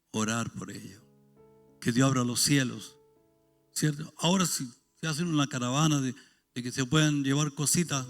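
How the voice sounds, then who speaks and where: A man, a pastor, preaching a sermon and then leading a fervent prayer. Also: mid-range voice. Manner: fervent, rising into loud prayer.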